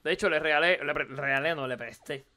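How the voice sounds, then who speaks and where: A rapid-fire Cuban man critiques a viewer's video live, teasing, repeating phrases and firing off rhetorical questions. His voice sits high and sounds bright and a little hoarse. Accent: Cuban Spanish. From Cuba. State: hoarse from recording the night before. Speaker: streamer reviewing a viewer's video. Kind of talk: casual live-stream commentary.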